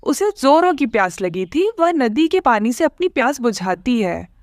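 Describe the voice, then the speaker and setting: Cartoon narrator, woman, lively high voice, dry close sound. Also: moderate pace, dry recording. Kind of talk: scripted storybook narration.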